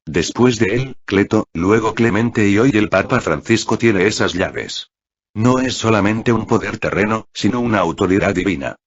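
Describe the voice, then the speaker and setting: A man's voice: on the low side, lively intonation, normal speed, husky. A man preaching an earnest Sunday reflection, exhorting his listeners. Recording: dull lo-fi audio.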